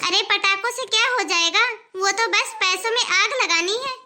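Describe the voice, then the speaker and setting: A woman voicing a kindly mother-in-law in a cartoon, gentle and placating. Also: very high voice, normal speed, noisy background. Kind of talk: cartoon voice acting.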